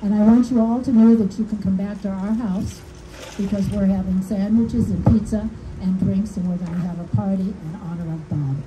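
An older woman with a deep, steady voice gives a heartfelt dedication speech at a podium outdoors, under a canopy before a small crowd. She shares warm personal stories with gentle humor, at a normal speed with few pauses. Her podium mic is heard through the PA and recorded from the audience, so she sounds distant amid outdoor ambience and background noise.

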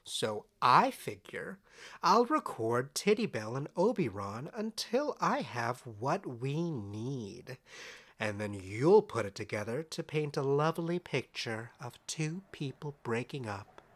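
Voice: mid-range voice, very animated, slow, a bit bright, full character voice. An actor playing Puck's part as a scheming, flamboyant fairy, charming and smug, in a conversational audio drama. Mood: conspiratorial, smug. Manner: theatrical, sly, emphatic.

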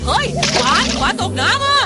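A woman's voice: extremely high pitch, big pitch swings, a little fast. A woman voicing a poor, honest young male woodcutter in a cartoon, whiny and humble. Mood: panicked. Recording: cartoon soundtrack with loud music.

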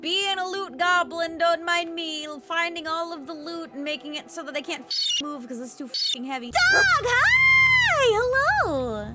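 A woman livestreamer giving excitable, exclaiming game commentary with plenty of swearing. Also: very high voice, normal speed, few pauses. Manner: animated, exclaiming and squealing. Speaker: livestreamer playing a video game. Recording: game music behind the voice. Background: game music and sounds.

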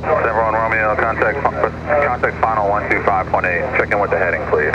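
Over an aircraft radio, an approach air traffic controller delivers clipped instructions in a fairly low-pitched male voice at a moderate pace. The transmission is muffled and noisy, with engine drone and aircraft cabin noise in the background.

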